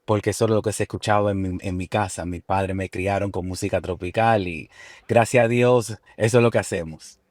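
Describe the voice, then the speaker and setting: A man from New York speaks as a guest musician, his voice somewhat low and close to the mic in a dry room. He talks in a relaxed way, with plenty of fillers and some English words slipped in. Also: brisk, no room sound. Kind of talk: interview answers.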